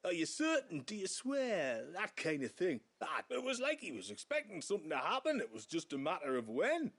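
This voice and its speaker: An actor voicing a nervous, excitable small creature in a video game, husky and jittery. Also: male voice, sits high, brisk, full character voice. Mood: nervous, eager.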